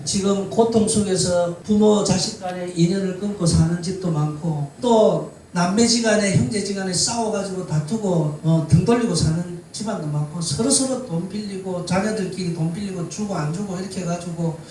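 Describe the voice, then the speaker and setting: Lively storyteller man, echoey room. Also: high-pitched, normal speed, hardly any pauses, faint music behind. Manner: lively, chatty, animated retelling. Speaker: storyteller for older women. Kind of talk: folk-tale storytelling talk. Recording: echoey room, distant mic, faint hiss.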